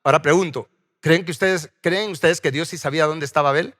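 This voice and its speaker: A man's voice: a little high, quick pace, fairly bright tone. A man preaching a sermon as pastor, asking his congregation questions as he goes. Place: church sanctuary. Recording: church hall reverb.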